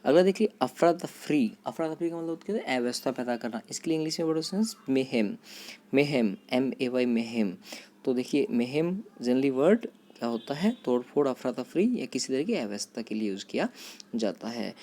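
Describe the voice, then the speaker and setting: A man teaching vocabulary to students, repeating each word, spelling it out letter by letter and pausing on fillers. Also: medium pitch, animated, warm tone. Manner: addresses students directly, with hesitant fillers. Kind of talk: vocabulary lesson.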